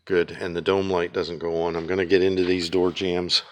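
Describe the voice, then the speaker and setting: Deep, flat-voiced man rambling through a garage walkthrough. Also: noisy background. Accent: Pennsylvania. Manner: rambling, halting, many ums and uhs. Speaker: DIY car restoration vlogger. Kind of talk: casual walk-around narration.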